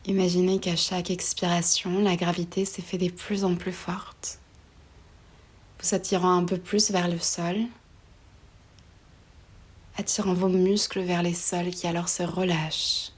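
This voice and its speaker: Guiding a yoga nidra meditation, this woman keeps her lowish voice at a level tone, soft and breathy and frequently near a whisper. Her delivery is slow and calming, with pauses between brief phrases.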